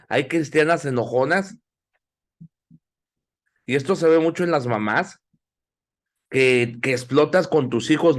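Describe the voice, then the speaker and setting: Middle-aged male preacher-teacher, slightly high voice, urges and questions his class. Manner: exhorting, asks the audience questions. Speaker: Bible institute teacher. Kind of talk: sermon-style Bible class.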